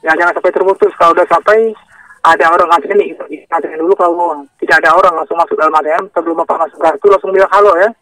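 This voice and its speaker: A man talks over the phone at a very fast pace in a bright, somewhat high voice. He gives insistent, repeated step-by-step instructions and keeps checking that the listener follows. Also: fairly even intonation, no room sound, far from the mic. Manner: insistent, repetitive, checking for understanding. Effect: heard over the phone. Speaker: phone scam caller. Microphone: phone call. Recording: phone call audio.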